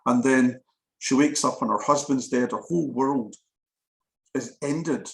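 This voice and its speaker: A man's voice: mid-range voice, a little slow, gravelly, reverberant, low-quality recording. A man giving a talk on film history in a conversational, digressive way, sometimes reading lines aloud to test where the stress falls. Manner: conversational, digressive, quotes lines with shifting emphasis. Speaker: lecturer. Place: lecture room.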